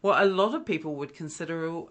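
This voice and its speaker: Gentle, measured interviewer. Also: medium pitch. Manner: gentle, measured, summing up for listeners. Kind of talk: interview questions.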